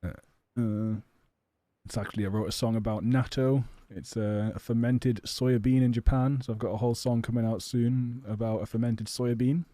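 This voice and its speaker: Mellow and steady, this man's mid-range voice moves at normal speed with no echo. An esports caster and stream host from England, he gives loose, talkative live game commentary with slight hesitation, working from home or a personal studio.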